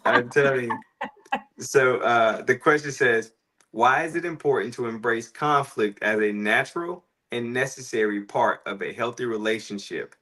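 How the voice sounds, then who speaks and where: Male co-host, mid-pitched, animated storyteller prone to restarts. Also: normal speed. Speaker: podcast co-host. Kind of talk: casual faith talk.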